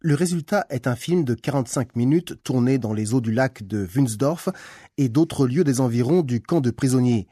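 Mellow-voiced male radio narrator. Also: medium pitch, breathy edge, no echo, clean studio sound. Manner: measured, formal reading. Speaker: radio magazine host and narrator. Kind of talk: scripted news narration.

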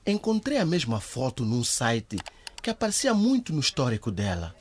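A man's voice: mid-range voice, huge pitch swings, normal speed, slight background noise. An actor playing a confident, knowing male IT investigator explaining findings in a radio drama. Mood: eager, revealing. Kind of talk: scripted radio drama acting.

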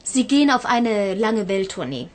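A woman's voice: mid-range voice, sing-song, moderate pace, close to an everyday voice. A woman playing an earnest, courteous project spokeswoman in a scripted interview for a language course. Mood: earnest, informative.

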